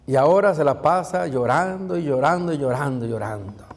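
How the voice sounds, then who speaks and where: A man's voice: fairly high pitch, brisk, in a large hall. A man, a pastor, preaching a sermon, asking rhetorical questions and calling out to the congregation.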